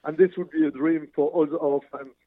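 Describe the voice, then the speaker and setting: A man's voice: on the high side, fairly even intonation, brisk, dry recording. A man, a motorsport manufacturer executive, answering interview questions earnestly over a remote line, restarting phrases as he searches for words. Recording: tinny phone-like remote line.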